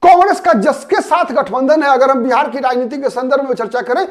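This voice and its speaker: A man's voice: very high voice, fast. A man hosting his own channel, giving solo political commentary. He talks analytically, repeats key names and words, and asks rhetorical questions before answering them himself.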